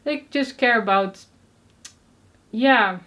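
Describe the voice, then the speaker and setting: The audio is dull, and the young woman, Dutch-accented and from the Netherlands, speaks slowly at a fairly high pitch. As a guest in a casual interview conversation, she is soft-spoken, stutters on first sounds, uses lots of fillers and laughs frequently.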